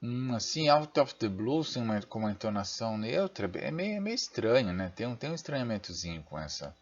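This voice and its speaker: Fairly quick and very animated, this medium-pitched Brazilian voice comes through lo-fi audio. The man lectures on linguistics in a recording with a Brazilian Portuguese accent, musing aloud, tossing in tag questions and poking fun at himself as he uses the mouse.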